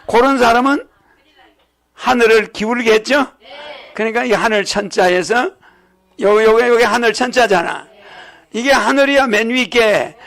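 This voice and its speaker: A man's voice: very high voice, vocal fry, fairly bright tone. An older man giving a rambling sermon-lecture to followers, repeating himself, chuckling, and often asking the audience whether he's right. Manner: repetitive, asks the audience "right or not?". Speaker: religious leader lecturing followers.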